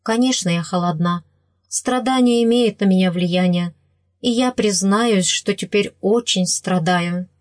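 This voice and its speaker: A woman voicing a sorrowful young woman from a storybook who has been wronged and speaks with slow, tearful restraint. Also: mid-range voice, dry recording, studio quality, close to an everyday voice.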